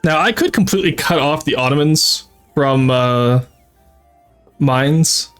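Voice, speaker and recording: A male game streamer gives casual live commentary in a medium-pitched voice. He thinks aloud as he plans and speaks to his chat. Music plays behind his voice. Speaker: streamer, VTuber.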